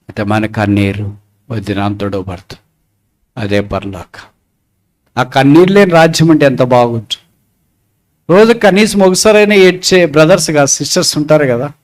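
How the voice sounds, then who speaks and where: A man with a Telugu accent and a mid-range voice preaches at a moderate pace, pausing often. He poses questions to the crowd and alternates between loud, emphatic lines and hushed ones.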